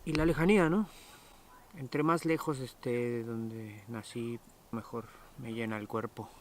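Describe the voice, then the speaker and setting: A man from Mexico, a touring cyclist, speaking with a Mexican accent, calm and reflective. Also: mid-range voice, moderate pace. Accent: Mexican Spanish. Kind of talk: interview recollection.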